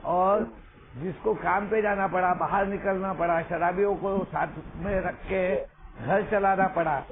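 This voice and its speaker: A man talks through a tinny, phone-like line with a faint hiss underneath. His voice sits fairly high for a man. He tells a long story in an earnest, unhurried way and keeps checking that his listener is still with him. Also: fairly even intonation, creaky. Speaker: recovery sponsor sharing. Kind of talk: storytelling over a phone call.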